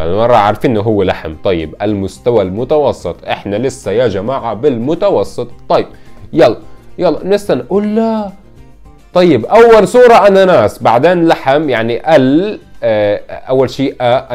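A young man, hosting a casual puzzle video, thinking aloud and jumping up in pitch when he gets an answer. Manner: thinks aloud, spells out letters, pitch leaps when excited. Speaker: YouTube host. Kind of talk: casual puzzle-solving commentary.

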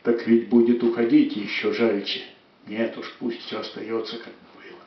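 A man giving a dramatic poetry declamation, with measured, emphatic phrases that swell and fall. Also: mid-range voice, level tone. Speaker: poet reciting verse on stage. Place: echoey room, recorded at a distance. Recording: echoey room, distant dull microphone.

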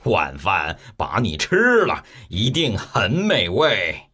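A hungry storybook giant rumbles very low and slow, grunting and sniffing as he speaks, put on by a woman. His growl swoops widely for effect. The voice has a breathy edge. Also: huge pitch swings, a bit bright, exaggerated voice. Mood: gruff, menacing. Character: huge hungry male giant, gruff and greedy. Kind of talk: children's storybook acting.

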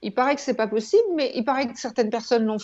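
Speaking quickly in a slightly high, darkish voice, this sixty-something eye yoga trainer and author is a guest on a video call interview. She explains things in a conversational, emphatic way, repeating words, from a shelved room at home. The sound, picked up through wired earphones, is dull and lo-fi.

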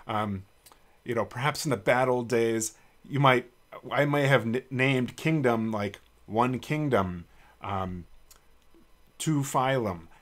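A man's voice: medium pitch, slow. Male instructor for a screencast coding lesson, easygoing and talks his steps through as he types. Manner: relaxed, thinking aloud with many ums while typing code. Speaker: programming instructor.

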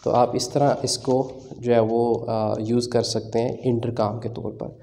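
The delivery is flat and measured, from a man with a medium-pitched, dark-toned voice. As a tech channel host with a Pakistani Urdu accent, he works with his hands at a table during a hands-on tutorial, explaining casually and using many fillers while he goes.

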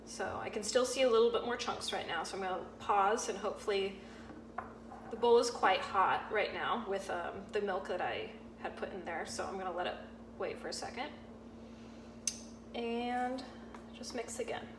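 A young woman, a sous chef, explaining a cooking demonstration step by step in a relaxed way, with frequent ums. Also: medium pitch, moderate pace. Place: home-style kitchen, indoors. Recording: echoey kitchen with audible background noise.

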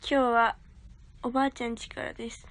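A woman's voice: fairly high pitch, flat delivery, a little fast, a bit bright. A young woman livestreaming from her grandmother's house on her phone, chatting casually with viewers and thanking them for gifts. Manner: chatty, thanks viewers for gifts, talks of herself as a big sister.

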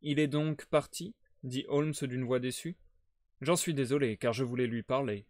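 A man playing a sharp, self-assured male detective, in a brisk, reasoning manner. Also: mid-range voice, dry recording, studio quality, natural voice. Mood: coaxing.

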